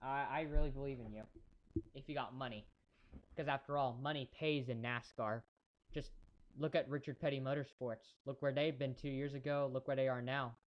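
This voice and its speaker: A man's voice: medium pitch, steady tone, moderate pace, lo-fi sound. A man giving casual live-stream commentary on a race, chatty and rambling, talking to his chat viewers.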